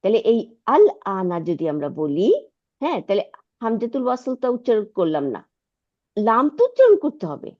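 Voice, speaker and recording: Lively-voiced woman teaching Arabic online. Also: medium pitch, normal speed, highs cut off. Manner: patient, repeats and checks understanding. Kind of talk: online language lesson.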